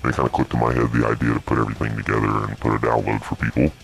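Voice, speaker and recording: Man with a deep gravelly voice changer. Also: sing-song, rapid-fire, faint music behind. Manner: hesitant, many restarts and fillers. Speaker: interview guest, modpack creator. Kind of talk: casual interview.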